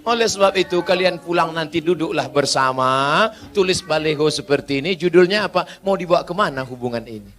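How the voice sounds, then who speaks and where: High-voiced joking Indonesian preacher man. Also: a bit bright. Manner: joking, rhetorical questions, rising emphatic delivery. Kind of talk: humorous sermon Q&A.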